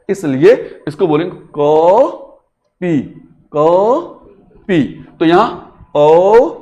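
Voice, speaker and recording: High-voiced teacher drawing out sounds. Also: male voice. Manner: stretches and calls out words to demonstrate sounds; speaks to students directly, asking questions. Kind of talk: classroom grammar lesson.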